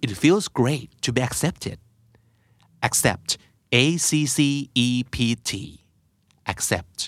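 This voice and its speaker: A man's voice: medium pitch, very animated, drawn-out words, a bit bright, breathy edge, no echo. A young adult man hosting a casual vocabulary lesson, chatting through explanations and spelling words out letter by letter. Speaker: English teacher and host.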